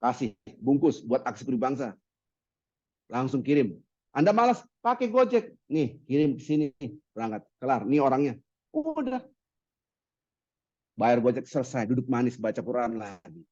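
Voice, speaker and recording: A man giving a lively Ramadan sermon, acting out everyday scenes and chanting Arabic phrases. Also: mid-range voice, normal speed, no room sound, muffled recording. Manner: lively, acts out market haggling in quoted voices. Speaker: preacher.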